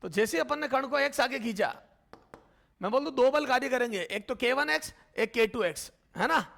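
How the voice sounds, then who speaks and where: A man teaching a physics lecture at the board, calling students "beta", asking and answering their questions himself, and repeating terms slowly while he writes. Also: extremely high pitch, expressive, vocal fry, a bit bright.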